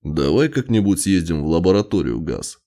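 A man's voice: deep voice, very animated, normal speed, dark tone, voice pushed down. A male narrator voicing a cold, irritable scientist husband who talks curtly and sneers. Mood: coldly gleeful. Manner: curt, snapping, sneering.

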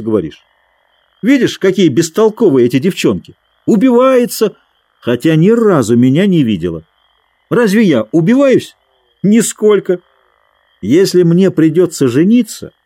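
Male reader as brash teenage squire, quick to anger, boastful, pitched up. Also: very animated, dark tone, slightly rough, no room sound, clean studio sound, full character voice. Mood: mocking. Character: brash hot-tempered teenage boy squire.

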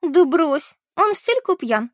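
A woman voicing a hot-tempered, protective young woman in an audiobook, sharp and indignant. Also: sits high, lively intonation, fast, no room sound, studio quality, voice pushed up. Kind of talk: audiobook character reading.

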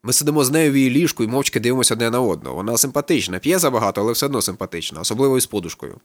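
A male narrator reads a literary audiobook at a quick clip. His mid-range voice stays low-key and steady, recorded dry and close with no room around it. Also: no room sound.

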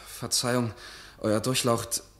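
An actor speaks slowly in a level, mid-range, fairly bright voice, playing a young regimental medic and playwright who earnestly and deferentially pleads with his ruler in a radio play. The studio sounds roomy.

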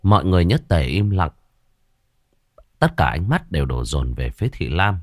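A man narrating a scripted ghost story in a dramatic, suspenseful way with slow pauses. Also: low voice, big pitch swings, a little mellow, no room sound.

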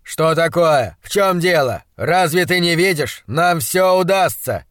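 A hoarse, excitable middle-aged scientist, put on by a male audiobook reader who barks at his young assistant in loud, emphatic bursts. His voice sits a little higher than the narration around him and sounds close and dry. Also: unhurried, dry recording. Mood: brisk, hectoring. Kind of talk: audiobook character voice.

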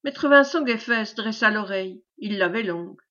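A woman reading a classic novel aloud in a measured storytelling manner, on a dull lo-fi recording. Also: medium pitch, lively intonation, a bit bright. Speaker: audiobook reader. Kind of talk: scripted novel narration.

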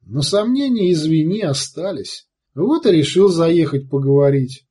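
A man voicing a calm, wry male commissar who speaks in a measured way in an audiobook. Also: a little high, slightly rough, voice pushed up, exaggerated voice. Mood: wry relaxed.

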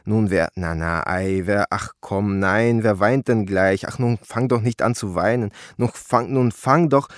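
Young male actor, lowish voice, dry close sound, chanted repetitive poetry delivery. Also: unhurried, few pauses, dry recording. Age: young adult. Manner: incantatory, repetitive, overlapping voices. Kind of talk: rhythmic choral poetry reading.

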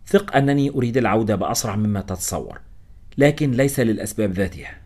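A man's voice: lowish voice, animated, fast, darkish tone. A man voicing an irritable blonde German wife who speaks sharply and with exasperation, in a storybook reading. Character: angry blonde German wife, middle-aged.

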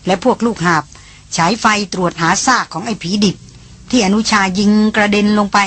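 A woman narrating a novel as an audiobook in a steady storytelling manner. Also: mid-range voice, moderate pace, husky. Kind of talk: novel reading.

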